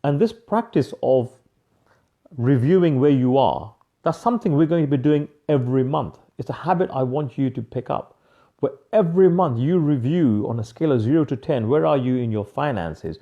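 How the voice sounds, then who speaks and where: A man giving an energetic live motivational coaching talk, emphatic, repeating key phrases and calling viewers by name. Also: mid-range voice, moderate pace, lo-fi sound.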